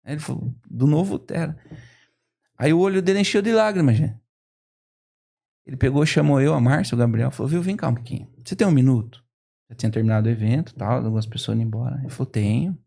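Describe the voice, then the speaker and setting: A man, a guest on a podcast, retelling a story with lively quoted dialogue. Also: mid-range voice, fast, creaky. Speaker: business owner guest.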